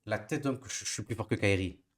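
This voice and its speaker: A man's voice: lowish voice, quick pace, a little hiss or hum. A young man, a gaming streamer, commentating his basketball game in casual, boastful, slangy trash talk aimed at his viewers.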